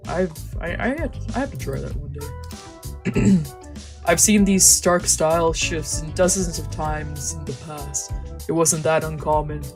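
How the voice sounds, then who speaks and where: A young woman provides casual let's play commentary and reads a visual novel aloud, her talk slangy and sweary. Her voice sits low with a darkish tone, and she is unhurried. Music plays behind her.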